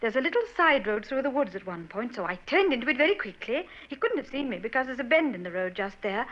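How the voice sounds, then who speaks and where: Speaking fast with big pitch swings, this actress has a voice on the high side and a fairly bright tone. She portrays a worried, earnest young Victorian woman, hesitant and genteel, in 1940s radio acting heard via a dull old broadcast.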